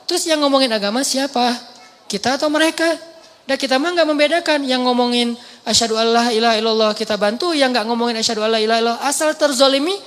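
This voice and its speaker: A man giving a casual, conversational sermon as a preacher, swinging between loud emphasis and soft asides. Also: high-pitched. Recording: echoey hall with faint noise.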